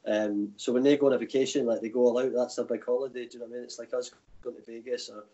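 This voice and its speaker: Glasgow guy w broad scottish accent rambling away, casual stories, average pitch, slightly dull audio. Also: steady tone, racing, mellow. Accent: broad Glaswegian Scottish. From Glasgow area, Scotland. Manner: rambling, anecdotal, colloquial. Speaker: guest, tour operator. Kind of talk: casual chat.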